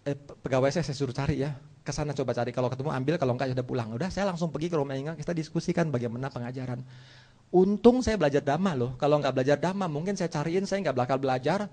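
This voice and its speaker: A man's voice: on the high side, racing. A middle-aged man teaching a casual Buddhist lesson, telling stories with acted dialogue and leading chanted recitation. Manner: animated storytelling, acts out dialogues, leads call-and-response chanting.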